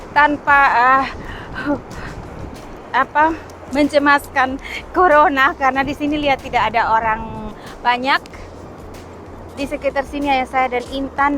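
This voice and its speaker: Walking on a beach, a middle-aged woman from East Nusa Tenggara, eastern Indonesia, vlogs in a high-pitched, slightly bright voice. She chats casually, often saying "eh" and laughing briefly. A bit of hiss or hum sits under the audio.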